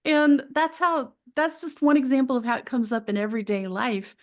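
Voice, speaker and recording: A woman hosting a podcast speaks in a somewhat high, friendly voice. She chats casually and tells everyday anecdotes with an easy laugh. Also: fairly even intonation, a little fast. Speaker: podcast host. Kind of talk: casual conversational interview.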